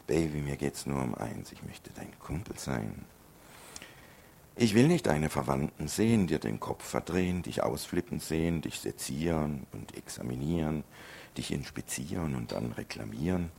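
Man, rhythmic spoken-word performer, rough gravelly voice, extremely low pitch. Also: very animated, moderate pace, darkish tone. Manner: rhythmic, storytelling delivery.

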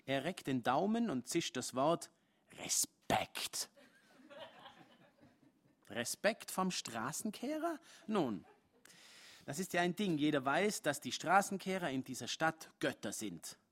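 A man reading a translated story aloud at a live literary event, keeping the rhythm restrained and measured. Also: on the high side, expressive. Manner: restrained, measured reading with rising intensity in dialogue.

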